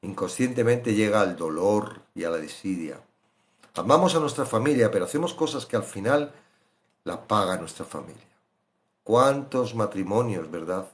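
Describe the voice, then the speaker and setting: A man preaching a sermon, animated, swinging loud questions to hushed asides. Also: fairly low pitch, normal speed. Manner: acts out biblical voices in quoted asides.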